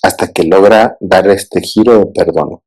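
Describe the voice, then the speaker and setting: A man's voice: low voice, steady tone, measured pace, a little mellow, rough recording. A man, a therapist, talking reflectively through a film analysis and often checking in with his listeners. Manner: thoughtful, often asks listeners "¿no?" and "¿sí?".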